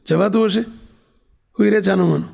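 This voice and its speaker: A brusque male doctor scolds a feverish boy and sets firm conditions, as a preacher puts him on. The voice is high with a gravelly rasp. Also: fairly quick, a little mellow, full character voice. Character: gruff no-nonsense male doctor.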